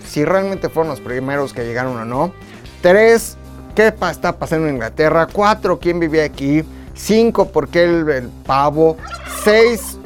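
A man with a Mexican accent hosting a joking podcast, playful and slangy with theatrical turns. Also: fairly high pitch. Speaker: podcast host.

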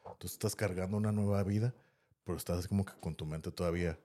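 A man's voice: sits low, fairly even intonation, fast talker, dark tone. A man with a Mexican accent telling a story in casual podcast chat, rambling and tagging his sentences with "¿no?". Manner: rambling, tags sentences with "¿no?" and "así". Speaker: podcast host.

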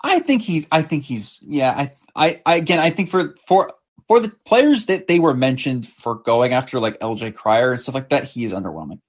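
A man's voice: medium pitch, expressive, normal speed, slightly rough. A man co-hosting a sports podcast, talking casually and repeating words as he thinks. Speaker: podcast co-host.

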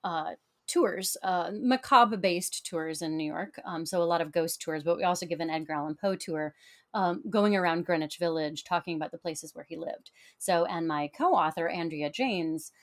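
A woman's voice: fairly low pitch, moderate pace. A woman speaking as an interview guest, explaining conversationally and often repeating words as she goes. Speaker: podcast guest, author and tour guide.

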